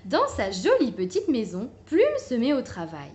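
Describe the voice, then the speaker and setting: A woman reading a children's picture book aloud in a gentle, expressive way. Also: on the high side, normal speed, dull audio. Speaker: storyteller.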